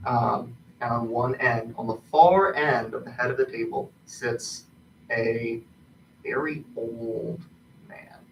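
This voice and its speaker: A man improvising tabletop game narration as game master, haltingly, searching for his words. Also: medium pitch, steady tone, gravelly, fairly bright tone. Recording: distant mic, roomy echo, faint noise.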